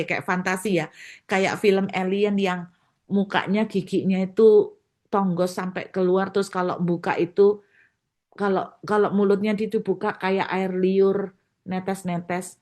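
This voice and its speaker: A woman pastor from Surabaya, telling a story in her sermon with lively acted-out voices. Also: mid-range voice. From Surabaya, Indonesia. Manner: animated, acts out voices.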